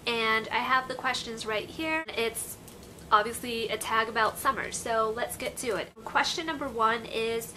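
Young woman from Peru, bedroom vlogger, bright slightly high voice, loose and chatty to camera, faint room noise. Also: unhurried, poor audio. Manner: chatty, lots of "like" and "you know". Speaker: beauty vlogger. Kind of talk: casual chat to camera. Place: bedroom, indoors. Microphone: camera in front at close range.

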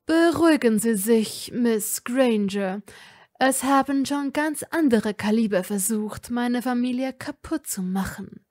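A woman voicing a cold aristocratic father who speaks calmly and measuredly, with quiet threat. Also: on the high side. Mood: cool. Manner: calm, measured, coolly threatening. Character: cold aristocratic older father, calm and controlled.

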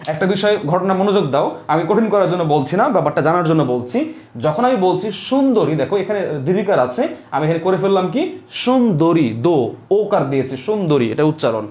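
A man's voice: high voice, a little mellow, echoey room. A man teaching an online class. He repeats each rule and keeps checking whether students understood. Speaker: Bengali language teacher.

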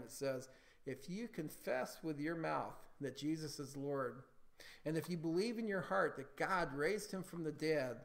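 A man preaching a sermon as pastor in a church, building emphasis and calling for amens. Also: on the high side. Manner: preaching with rising emphasis, calls for amen.

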